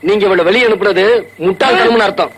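A defiant young village man stands his ground in a film drama. His voice is fairly high and bright, firm and challenging. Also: fast, a little hiss or hum, rough recording. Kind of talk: Tamil film acting.

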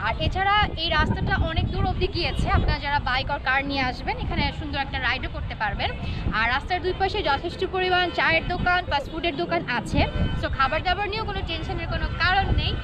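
A woman's voice: very high voice, fast talker, a loud crowd. A young woman from Bangladesh, a travel vlogger talking chattily and upbeat to her viewers from a kayak on a lake, filmed with a camera at arm's length. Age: young adult. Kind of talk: casual travel vlog to camera. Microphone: camera held at arm's length.

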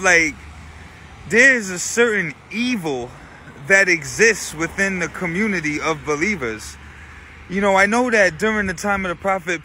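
A man's voice: high-pitched, pushed and bright, slight background noise. A man in his thirties filming himself on a phone while walking outdoors, talking earnestly and saying "you know what I'm saying" over and over. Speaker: vlogger. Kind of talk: walking selfie vlog. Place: outdoors on a street in cold weather. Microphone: phone held at arm's length.

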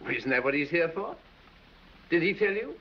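A man's voice: fairly high pitch, sing-song, normal speed. A man playing a foppish, affected English aristocrat with an English accent, drawling and silly, in 1930s film acting. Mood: probing. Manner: drawling, silly, laughs at his own jokes. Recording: dull 1930s film soundtrack with faint hiss.

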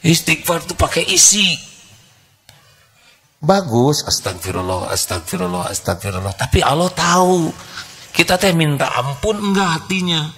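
An older man, folksy and humorous. His voice has a gravelly texture with a bright, forceful edge, and he shifts between hushed pleading and lively emphasis. He speaks into a handheld microphone. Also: fairly high pitch, moderate pace, slight background noise. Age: 60s. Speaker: preacher. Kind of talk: sermon. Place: stage before a large indoor congregation.

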